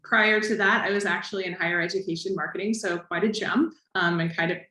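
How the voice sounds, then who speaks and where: A woman's voice: fairly low pitch, steady tone, quick pace, bright, forceful tone. A woman speaking on a panel in an upbeat way, with frequent fillers. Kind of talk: panel discussion. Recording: echoey room.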